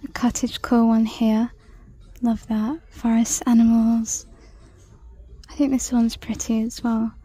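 Chatty woman with a mellow voice. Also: on the high side, level tone, slow, husky. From United Kingdom. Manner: chatty, reads out prices, drops to soft whispers at times. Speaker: shopping vlogger. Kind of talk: casual shop-with-me commentary. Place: large indoor store. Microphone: handheld phone camera.

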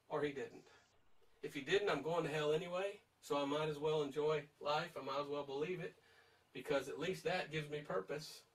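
A man's voice: a little high, far from the mic, rough recording. A man teaching a verse-by-verse Bible study in an emphatic, urging way, putting direct questions to his listeners.

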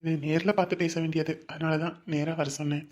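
An actor playing an earnest young fiancé who speaks softly and hesitantly. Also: male voice, on the high side, little pitch movement, fairly quick, natural voice. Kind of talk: Tamil family drama acting.

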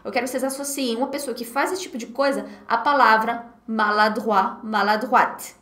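A Brazilian woman teaching a live beginner French class online, animated and drilling words by repetition, laughing often. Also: on the high side, moderate pace, roomy sound. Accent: Brazilian Portuguese. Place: home setup at her computer. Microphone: computer mic.

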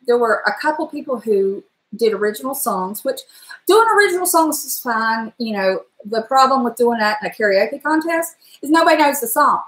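A middle-aged woman with a powerful trained voice, on the high side, chats animatedly on a live stream from her home kitchen, gesturing and sometimes breaking into song. She's recorded on a webcam at desk distance, and the poor audio has an echoey room sound.

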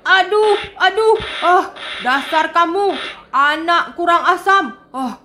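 Excitable woman narrating a game. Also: extremely high pitch, slow pace, slight background noise. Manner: excited, addresses viewers as friends. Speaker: game role-play creator. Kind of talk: narrating and voicing a game role-play.

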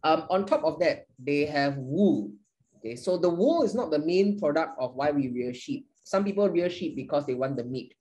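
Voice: mid-range voice, animated, moderate pace, warm tone, low-quality recording. A teacher runs a live online class in a playful, joking way and counts down to each answer.

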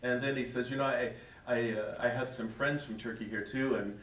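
A middle-aged priest tells his parish a story in a church hall, chatting and chuckling as he goes. His medium-pitched voice is fairly bright, with a steady tone and moderate pace. The hall echoes, the mic sits at a distance, and there's slight background noise.

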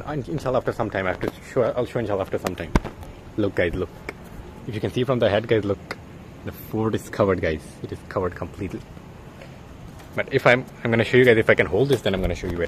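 A young man chatting casually as a vlogger while filming from inside a blanket fort in a parked car, talking excitedly and saying guys constantly. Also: on the low side, background noise. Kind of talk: casual vlog narration. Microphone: handheld phone camera.

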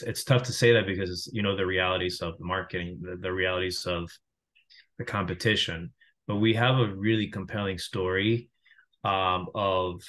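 Speaking from home on a video call, a Venezuelan company founder in his thirties chats casually as an interview guest. His voice is low-ish and a bit bright, and the webcam mic carries his reflective manner, with plenty of restarts and fillers.

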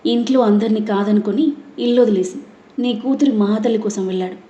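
A scheming young woman with a sneering, sarcastic edge, read by a woman narrator. Her tone is dark and mellow, and the room echoes around her. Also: mid-range voice, fast, lo-fi sound, natural voice.

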